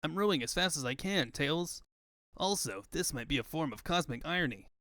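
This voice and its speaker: A man's voice: a little high, lively intonation, fairly quick, bright, forceful tone, no room sound, clean studio sound. Man voicing Sonic, a cocky young hedgehog. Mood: resigned. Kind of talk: comic book fandub.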